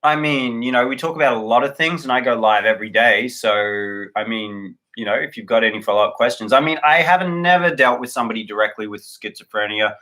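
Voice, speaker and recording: A man's voice: mid-range voice, fairly quick, hardly any pauses, sharp tone. An Australian man hosting a live stream, chatting loosely with many fillers and restarts as he greets viewers and reads out their comments. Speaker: livestream host.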